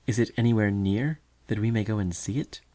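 A man voicing an innocent young male sedge warbler, earnest and high-pitched. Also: fairly quick, warm tone, close to an everyday voice. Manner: earnest and trusting.

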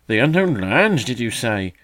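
A man's voice: medium pitch, expressive, moderate pace, pitched above the performer's own voice, close to an everyday voice. A man voicing a conceited older male magpie who mocks with fake solemnity, raised and pointed. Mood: mocking. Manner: sneering mock solemnity.

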